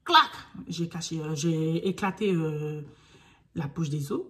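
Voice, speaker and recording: A young woman vlogger telling her story straight to the camera in a slightly low voice. She chats loosely and acts out her own pleas. At the tense parts she drops to a breathy near-whisper. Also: slow pace, a bit bright.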